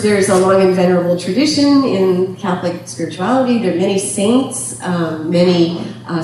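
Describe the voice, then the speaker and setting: A middle-aged woman giving a chatty talk to an audience, laughing often and filling pauses with ums. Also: medium pitch, a little mellow, slight background noise. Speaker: speaker on temperament. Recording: echoey room from far off.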